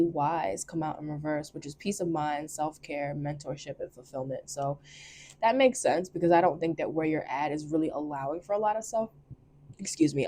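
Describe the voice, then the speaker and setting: Chatty low-voiced woman reader. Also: a little hiss or hum. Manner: chatty, laughs often, expressive. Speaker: tarot reader. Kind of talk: casual chat.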